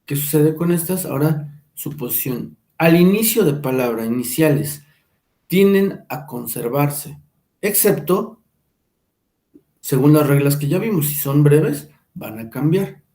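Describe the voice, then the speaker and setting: A male teacher giving a slow lecture, checking in with his listeners by asking whether they follow and drawing out each example word. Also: on the high side, animated, dark tone, echoey room. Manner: drawn-out, careful enunciation of example words.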